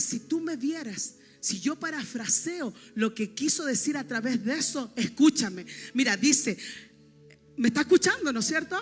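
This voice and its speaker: A high-pitched woman pastor delivers an emphatic teaching sermon and keeps checking in with her congregation. Her voice rings with a long reverb, as in a church hall, and faint music plays underneath. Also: breathy edge.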